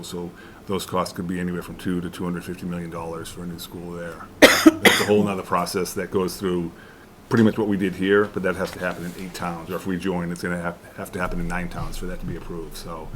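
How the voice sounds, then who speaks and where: A man explaining school costs at a town board meeting, halting and restarting as he goes. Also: sits low, slight background noise. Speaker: school official presenting to select board. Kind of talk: public meeting presentation.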